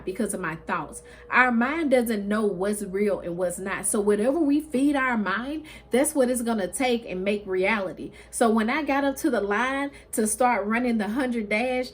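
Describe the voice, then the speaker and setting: A woman speaking directly and casually to her viewers in an emphatic, encouraging, slightly preachy motivational style, repeating phrases for weight. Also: fairly high pitch.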